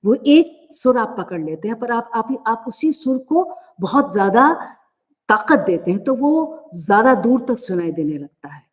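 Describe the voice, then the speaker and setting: A middle-aged woman with an Indian accent giving a calm, explanatory lecture on acting voice, often pausing with fillers. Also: on the high side. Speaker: acting teacher. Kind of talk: lecture answering student questions. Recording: long hall reverb.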